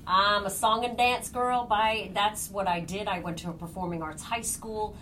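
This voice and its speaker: A middle-aged woman with an American accent tells personal stories casually as a podcast guest; she was born in Kenya and raised partly in Tanzania and the US. Her voice is medium-pitched, steady and a bit bright at a moderate pace. The recording is low quality, with clear background noise.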